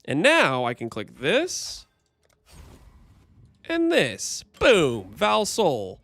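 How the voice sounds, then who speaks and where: A man's voice: on the high side, wildly swooping pitch, drawn-out words, gravelly, a bit bright, dry recording. Man streaming on a dry headset mic. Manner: chatty, joking, thinks aloud to chat. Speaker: livestreamer. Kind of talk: casual gameplay commentary.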